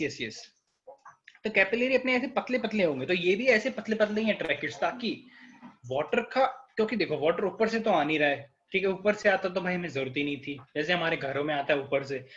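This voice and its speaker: Teaching biology in an online lecture, a man with an Indian accent switches between Hindi and English and asks his students questions. He has a high voice with lively intonation, a fairly bright tone, and normal speed, though the audio sounds dull.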